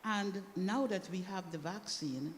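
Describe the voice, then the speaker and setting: A woman's voice: lowish voice, measured pace. A woman speaking as a panelist in a church discussion, earnest and emphatic. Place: church hall. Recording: echoey hall, faint background noise.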